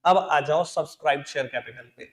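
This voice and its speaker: A high-pitched man with an Indian accent teaches accounts, calling his students beta and babu as he coaxes them along. He dictates each entry slowly and repeats key points. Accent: Indian English mixed into Hindi. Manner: addresses students as beta and babu, coaxing and repetitive; dictates slowly, spelling out entries. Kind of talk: classroom lecture.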